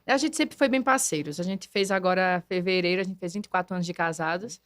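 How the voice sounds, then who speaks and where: A woman, a guest telling her story in a lively, animated way and acting out quoted voices. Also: fairly low pitch, quick pace, dry recording, studio quality. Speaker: guest, math teacher and neuroscience educator. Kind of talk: conversational podcast interview.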